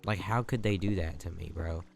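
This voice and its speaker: Young guy, really low voice, chatty rambling story while gaming, music playing behind. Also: a little fast, vocal fry. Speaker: gaming channel host. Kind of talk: casual storytelling over gameplay. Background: background music.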